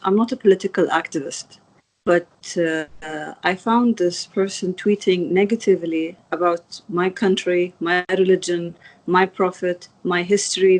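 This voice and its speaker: A woman's voice: on the low side, a little mellow, poor audio. Earnest Emirati woman guest. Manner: earnest, halting with restarts and apologies. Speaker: interview guest. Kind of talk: video interview.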